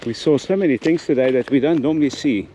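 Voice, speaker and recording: An earnest man hosts a casual hiking vlog, repeating phrases as he goes. His voice sits at a middling pitch, recorded outdoors with clear ambient noise around him. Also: fast talker. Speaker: vlog host. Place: outdoors on a walking trail.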